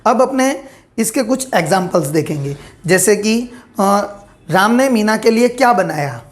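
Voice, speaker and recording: A woman gives a grammar lesson, dictating example sentences at a slow pace and posing questions that she answers herself. Her voice is mid-range and expressive.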